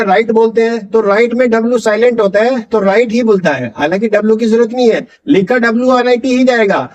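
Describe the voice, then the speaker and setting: A man with an Indian accent teaching English pronunciation in Hindi, patiently explaining and slowly drawing out model words for learners to repeat. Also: high voice, darkish tone, highs cut off. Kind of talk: Hindi-language pronunciation lesson.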